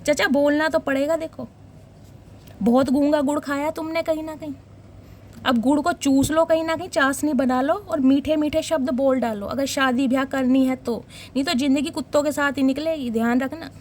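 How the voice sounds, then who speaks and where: A woman reads tarot cards for her viewers in a high, bright voice. She talks in a casual, teasing way, joking about the cards as she goes. Faint background noise sits under her voice. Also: fairly even intonation, moderate pace. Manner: teasing, jokey commentary addressing viewers. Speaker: tarot reader.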